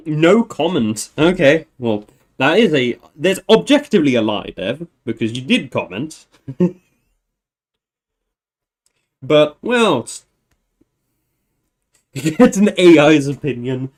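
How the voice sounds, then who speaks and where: A man's voice: fairly high pitch, big pitch swings, slow pace, long pauses. A man hosting a livestream, casually thinking aloud, often correcting himself and chuckling. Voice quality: meandering, self-correcting, chuckling. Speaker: livestream host.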